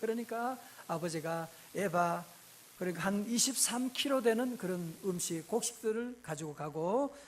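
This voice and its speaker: Male pastor, very high voice, lively storytelling sermon. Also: normal speed, a little hiss or hum. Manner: lively storytelling with rhetorical questions to the congregation.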